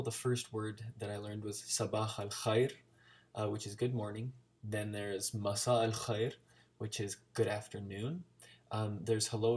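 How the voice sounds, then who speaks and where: An American man talking casually in a vlog, chattily sounding out Arabic words as a learner. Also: lowish voice. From United States. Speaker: language-learning vlogger.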